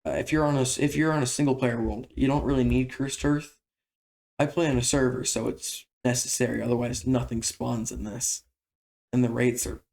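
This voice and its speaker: A man giving a casual game tutorial voice-over, explaining in a relaxed, conversational way. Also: medium pitch.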